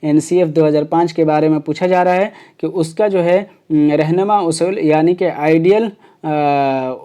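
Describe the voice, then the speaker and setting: Mellow-voiced man teaching an exam lesson. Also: fairly high pitch, smooth. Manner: explains step by step with many fillers. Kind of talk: exam prep lecture.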